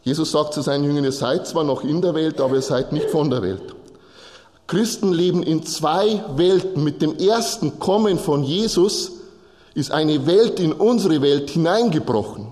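With a fairly high, slightly mellow voice at normal speed, a Bavarian man delivers a sermon to his congregation. He explains scripture through brief, repeated phrases and speaks straight to his listeners, his words echoing with long hall reverb.

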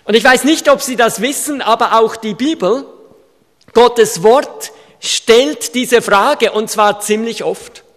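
Male preacher, very high voice, emphatic sermon delivery, long hall reverb. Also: takes it slowly. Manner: emphatic, rising to shouts in quoted rants. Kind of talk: evangelistic sermon. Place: hall with audience.

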